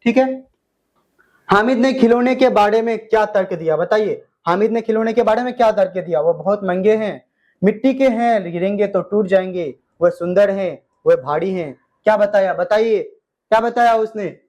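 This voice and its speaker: A man's voice: high-pitched, normal speed, a little mellow. A man teaching a story lesson for a school exam, who repeats each question several times and then answers it himself. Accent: Bihari Hindi. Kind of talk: exam-prep lesson, quizzing students.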